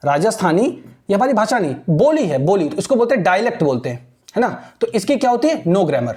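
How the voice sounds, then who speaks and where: A man's voice: sits high, very animated, brisk, a little mellow. Man teaching grammar. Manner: mixes Hindi and English, keeps asking "ठीक है ना?". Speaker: English teacher. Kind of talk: classroom lesson.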